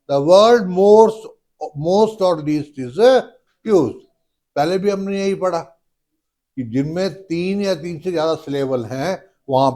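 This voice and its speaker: A man teaching a grammar lesson, dictating rules slowly and stretching out each word. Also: sits high, a little mellow. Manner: slow, drawn-out word-by-word dictation, addresses students as beta.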